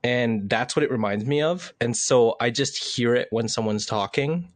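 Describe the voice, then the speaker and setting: A man co-hosting a casual podcast, halting and searching for words as he explains. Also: mid-range voice, dry recording. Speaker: podcast co-host.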